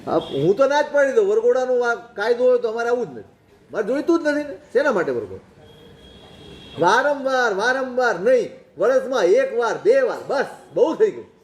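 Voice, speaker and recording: A man preaches a sermon in a notably high voice, working through anecdotes and pointed rhetorical questions. His voice rings with the echo of a reverberant room. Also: very animated, moderate pace, a little hiss or hum. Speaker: Jain monk preacher. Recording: roomy echoing recording.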